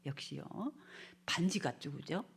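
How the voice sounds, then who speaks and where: A woman's voice: sits low, unhurried, gravelly, husky. A woman giving a lecture at a church family seminar, acting out parents' and children's lines and sometimes dropping to a whisper.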